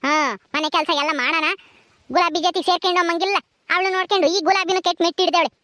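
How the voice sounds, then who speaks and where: A woman's voice: very high-pitched, steady tone, rapid-fire, no echo, studio quality. A woman with a rural Karnataka accent plays a bossy, short-tempered mistress of a village house who nags and scolds. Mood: grumbling. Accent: rural Karnataka Kannada. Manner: scolding, nagging, sharp-tongued. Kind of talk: homemade village drama.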